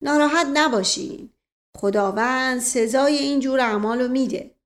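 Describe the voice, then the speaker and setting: A woman's voice: high-pitched, natural voice. A woman voicing a self-important older aristocratic uncle in an audiobook, speaking with a loaded, meaningful tone. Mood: reassuring.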